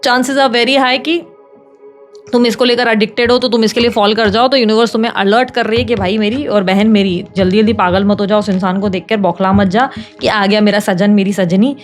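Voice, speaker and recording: A woman reading tarot in a casual chat to her viewers, talking fast, teasing and scolding them like a big sister. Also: mid-range voice, fairly even intonation, soft background music. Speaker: tarot reader.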